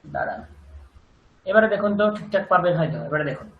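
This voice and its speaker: A man's voice: high-pitched, huge pitch swings, fast talker. A man tutoring online in a patient, repetitive way, his voice breaking up and cutting out over a bad connection. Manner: patient, drills forms by asking and repeating. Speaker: Sanskrit tutor. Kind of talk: one-on-one online grammar lesson. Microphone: online video call. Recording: dull, lo-fi call audio with dropouts.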